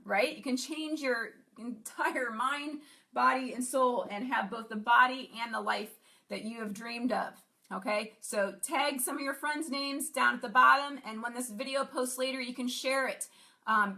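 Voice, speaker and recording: A woman fitness coach giving an upbeat promotional pitch, repeating herself and checking in with "okay?". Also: pushed and bright. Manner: repetitive, upbeat, emphatic with frequent "okay?". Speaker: fitness coach and gym owner.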